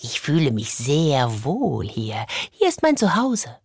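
A woman's voice: extremely low pitch, wildly swooping pitch, takes it slowly, darkish tone, breathy edge, no room sound, clean studio sound, full character voice. A woman voicing a lazy, smug female snake who hisses and whispers slyly in a storybook tale. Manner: hissing, whispery, sly.

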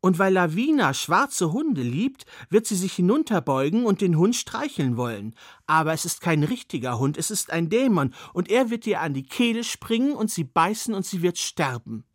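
A man's voice: sits high, very animated, normal speed, no room sound, studio quality. A man voicing an old woman who solemnly foretells a curse, in a storybook reading. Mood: ominous.

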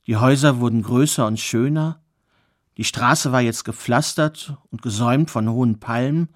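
A male storyteller recounts a fairy tale in a measured, expressive voice. He paces the story with pauses for effect and lets his voice rise on the dramatic turns. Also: medium pitch.

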